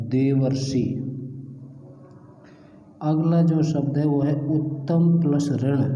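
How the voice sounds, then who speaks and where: A man's voice: mid-range voice, mellow. A male teacher giving a grammar lesson, methodically repeating each example step by step. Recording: echoey room with long reverb.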